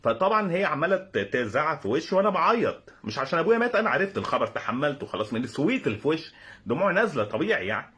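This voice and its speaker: A young man with an Egyptian accent tells a funny personal story with exasperated sarcasm. His voice is husky and very animated, and he rattles the words off at a breakneck pace. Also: on the high side, racing. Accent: Egyptian Arabic. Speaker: comedic storyteller.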